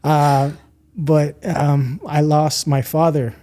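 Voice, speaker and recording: A man's voice: a little high, little pitch movement, slow, mellow. A man in his thirties from Rwanda, a podcast guest chatting casually with many fillers. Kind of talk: casual interview chat.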